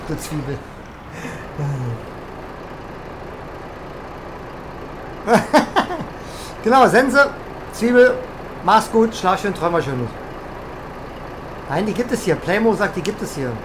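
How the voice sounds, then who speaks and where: A woman's voice: fairly low pitch, expressive, normal speed, noisy background. A woman streaming a truck driving game, chatting and teasing her viewers in a mock-indignant, rambling way. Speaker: gaming streamer. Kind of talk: live game commentary reading chat.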